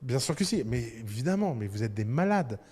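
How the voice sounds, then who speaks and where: A man giving a lively talk to an audience as an entrepreneur, emphatic and full of rhetorical questions. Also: medium pitch, a little fast, husky, big-room sound. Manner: emphatic, rhetorical questions, acts out little dialogues.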